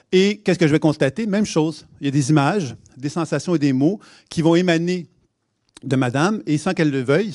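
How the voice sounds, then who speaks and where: Québécois man, higher voice, lecturing at a conference, halting with many restarts, close and dry sound. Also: darkish tone, dry recording. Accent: Québécois French. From Quebec. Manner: hesitant, many restarts and fillers. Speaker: conference speaker. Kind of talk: public lecture. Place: conference hall.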